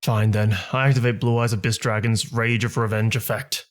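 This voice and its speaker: A man voicing a cruel, vengeful young male rival duelist who smirks coldly and bursts into shouts, with faint music. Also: mid-range voice, flat delivery, moderate pace, lightly acted.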